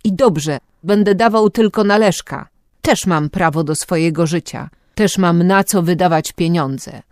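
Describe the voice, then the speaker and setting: A woman's voice: on the low side, expressive, measured pace, no room sound, clean studio sound. A woman reading the part of a resentful husband who snaps angrily at his wife. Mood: shouting. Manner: snapping, resentful. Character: bitter resentful husband, adult man.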